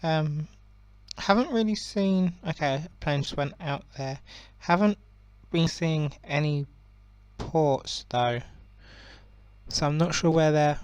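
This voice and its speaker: Here the same kind of gaming channel host, a young man, sounds croaky and fairly high-pitched as he offers laid-back, meandering thoughts on a strategy game, full of ums and self-corrections. There's no room sound at all.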